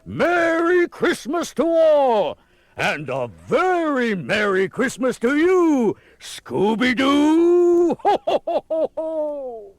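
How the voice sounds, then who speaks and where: An actor playing a jolly old Santa Claus in a 1970s children's audio drama. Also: male voice, very high voice, sing-song, takes it slowly, heavily acted.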